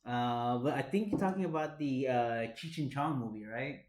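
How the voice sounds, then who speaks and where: A man's voice: medium pitch, moderate pace, darkish tone. A man with a Chicano East LA accent chatting casually on a livestream, mixing Mexican Spanish slang into his English. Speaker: co-host of a cooking livestream. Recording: echoey room.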